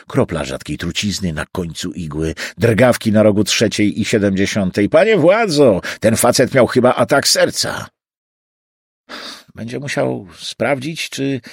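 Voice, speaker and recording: A man's voice: fairly low pitch, breathy edge, no echo, studio quality. A man narrating an audiobook in a dramatic, varied reading. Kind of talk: scripted narration.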